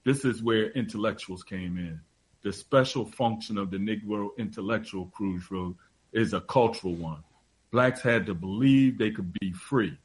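A man hosting a discussion, speaking in a measured way with many hesitations and reading quotes aloud. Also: fairly low pitch, slightly rough, poor audio.

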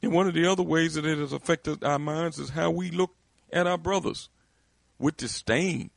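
A man's voice: on the high side, normal speed, creaky, no echo. A man speaking with emphatic conviction in a discussion, often restarting his sentences. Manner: emphatic, repetitive restarts, rising intensity. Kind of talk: impassioned discussion.

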